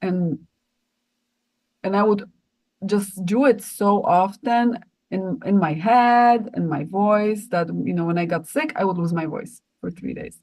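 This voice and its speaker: A woman's voice: mid-range voice, unhurried, a little mellow, rough recording. A woman co-hosting a spiritual podcast, talking in an earnest, rambling way with many restarts. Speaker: podcast co-host.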